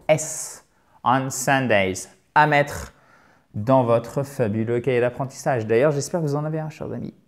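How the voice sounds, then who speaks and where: Slow, emphatic French man teaching. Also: fairly high pitch. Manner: lively, emphatic, repeats words to drill pronunciation. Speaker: English teacher. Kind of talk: video lesson. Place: indoor filming set with a spotlight. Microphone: camera mic, moves around in frame.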